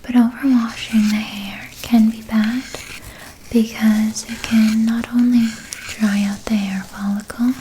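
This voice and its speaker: A woman playing a gentle, caring spa hair therapist in a whispered role-play, speaking in a soft breathy whisper and reassuring her client as she explains. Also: on the high side, flat delivery, a little slow, slight background noise, natural voice, poor audio. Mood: soothing, reassuring.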